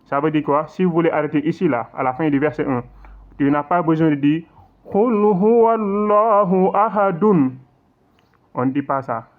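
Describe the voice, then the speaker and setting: A man teaching recitation rules in an online lesson, explaining patiently, checking in often, and reciting examples slowly. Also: fairly high pitch, steady tone. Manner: patient, repetitive explaining with frequent check-ins; slow drawn-out recitation in demonstrations. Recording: tinny phone-like audio.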